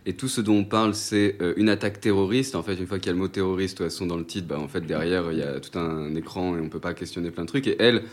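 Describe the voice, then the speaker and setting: A man from France with a very deep voice, talking quickly in a slangy, emphatic way. He is a co-host on a casual talk radio show. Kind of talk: casual political discussion.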